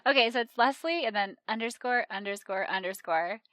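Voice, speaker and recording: A woman's voice: on the high side, fairly quick, no room sound. A woman in her thirties, a travel agent, chatting animatedly as a podcast guest. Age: 30s. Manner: chatty and animated, mimics voices in retold quotes. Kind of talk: casual conversational interview.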